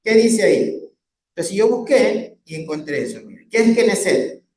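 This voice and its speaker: A man's voice: high voice, big pitch swings, normal speed, darkish tone, roomy sound. A man teaching a Bible study lesson from slides. He explains step by step and keeps checking with his listeners.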